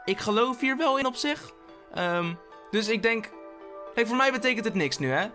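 Speaking into a podcast microphone, a tired man runs a comedic solo podcast at a moderate pace, with soft music in the background. His very high voice is bright and forceful with lively intonation, and he rambles, restarts mid-stammer, and curses frequently.

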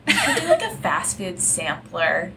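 A woman's voice: lowish voice, huge pitch swings, measured pace. A woman co-hosting a podcast in casual, slangy, joking conversation. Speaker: podcast co-host. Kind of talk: casual chat. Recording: clearly noisy room recording.

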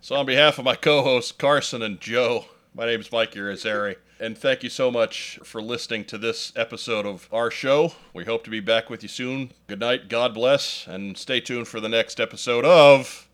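A man's voice: medium pitch, normal speed, hardly any pauses, a bit bright. A man hosting a podcast in casual late-night chat, tired, teasing and wry as he wraps up the show. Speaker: podcast host.

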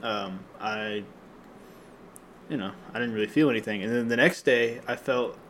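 A man's voice: medium pitch, moderate pace, a bit bright, a little hiss or hum. Young man rambling through a story. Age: young adult. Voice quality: throat-clearing, slightly rough. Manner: rambling storyteller, many fillers and restarts. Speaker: podcast co-host. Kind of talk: casual chat.

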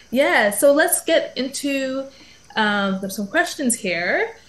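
A woman co-hosting a live online show, reading out a guest's introduction. She fills the gaps with ums and sounds a little hesitant, and her voice sits on the higher side. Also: fairly bright tone. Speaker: social media manager and co-host.

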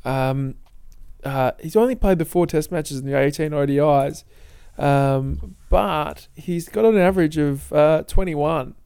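Male sports co-host, fairly high clean voice, casual, halting, thinking-aloud delivery. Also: creaky, mellow, clean tone. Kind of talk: casual cricket discussion.

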